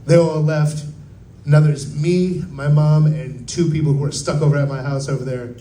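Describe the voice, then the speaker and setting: A young man telling a profane, laid-back stand-up story at an open mic, slipping into quick voiced quotes. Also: fairly high pitch, steady tone, dark tone, a little hiss or hum. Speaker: stand-up comedian. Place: open mic at a coffee bar. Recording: roomy live venue sound.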